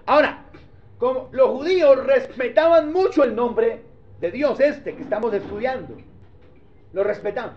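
A pastor teaches his congregation in a very high voice. He keeps stopping to ask whether they follow. The recording sounds dull and lo-fi. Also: normal speed. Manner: conversational, keeps checking in with the congregation. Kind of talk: teaching sermon.

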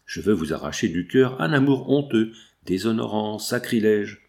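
A man voicing an anguished wealthy industrialist pleading for his sick daughter, with a low voice. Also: animated, normal speed, gravelly, darkish tone. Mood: harsh. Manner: pleading, then harsh and insistent.

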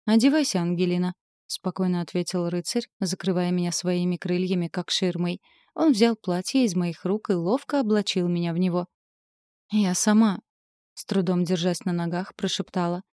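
A woman narrating an audiobook in a lively, wry first-person storytelling manner. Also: lowish voice, moderate pace, no echo, studio quality.

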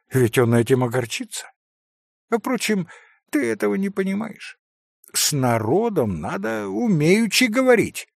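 A man voicing a cocky, sharp-tongued schoolboy who talks in a brisk, lecturing way. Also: on the high side, gravelly, husky, no room sound, studio quality, full character voice.

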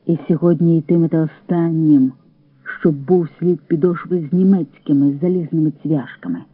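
A man's voice: a little high, steady tone, normal speed, dry recording, close to an everyday voice. A man reading good-humoured partisan commander. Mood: wry. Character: calm Ukrainian partisan scout commander man. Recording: tinny lo-fi radio recording.

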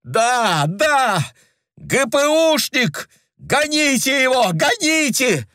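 A man's voice: mid-range voice, normal speed, fairly bright tone, no room sound, studio quality, pitched above the performer's own voice, lightly acted. A man voicing a furious, hysterical young woman who shrieks and rages, in a storybook reading. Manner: shrieking, frantic.

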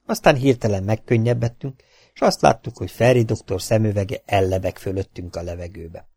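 A man with a Hungarian accent reading a science fiction audiobook in an even, measured way. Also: fairly low pitch, no echo. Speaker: audiobook narrator. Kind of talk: scripted narration.

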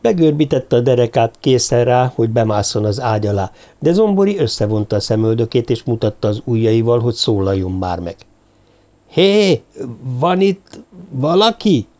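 A man narrating a novel in a steady storytelling manner. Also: medium pitch, hardly any pauses. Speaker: audiobook narrator. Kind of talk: scripted narration.

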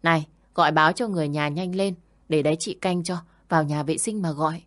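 A rough-talking captive woman , put on by a woman narrator in a storybook drama. She speaks urgently, in a low voice. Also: steady tone, fairly quick, close to an everyday voice.

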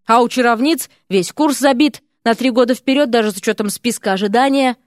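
A woman's voice: a little high, a little fast, no echo, clean studio sound, voice pushed up, close to an everyday voice. A woman voicing a flustered, fussy male vice dean who grumbles and complains. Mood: grumbling. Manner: grumbling, exasperated.

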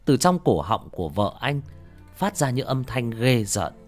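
A man tells a horror story in a mid-pitched voice that swings wildly up and down. His delivery is dramatic and tense, with faint music underneath. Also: very animated, unhurried.

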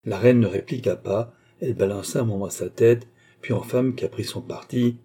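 A man narrating a classic novel as an audiobook in a measured, even reading. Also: on the low side, slightly rough.

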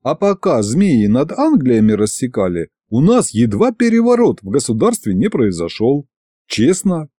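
A man narrating an audiobook in the first person, in a lively, conversational storytelling manner. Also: on the high side, dry recording, studio quality.

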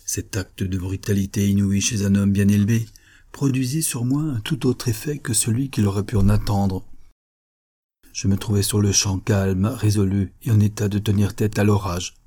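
A man narrating a classic novel as an audiobook in a measured, steady storytelling manner. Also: fairly low pitch. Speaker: audiobook reader.

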